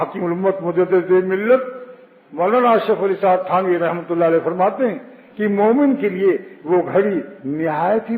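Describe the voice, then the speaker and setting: A man giving a religious sermon, explaining his points and telling anecdotes. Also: high-pitched. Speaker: preacher. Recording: phone-like with long hall reverb.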